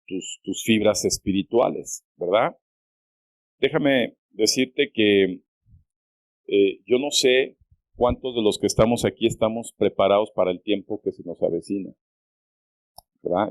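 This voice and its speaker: A man preaching a sermon as a church pastor, in a deliberate style, often checking in with "¿verdad?" and rising high when quoting pleas. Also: a little mellow, no room sound. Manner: slow, deliberate preaching with frequent "¿verdad?" asides; rises sharply in pitch when quoting pleas.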